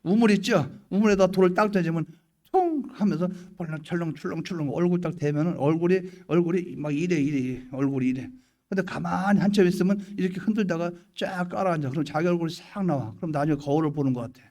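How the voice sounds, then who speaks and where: Animated Korean pastor preaching, higher voice. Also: male voice, fast talker. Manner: animated preaching, swings from hushed prayer to loud questions; acts out little scenes and prayers in his own voice. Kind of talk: sermon.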